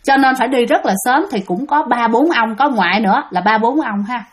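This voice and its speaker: A woman's voice: on the high side, fairly quick. A woman with a Southern Vietnamese accent telling a ghost story casually, chatting to her listeners as she goes. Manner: chatty, keeps addressing listeners.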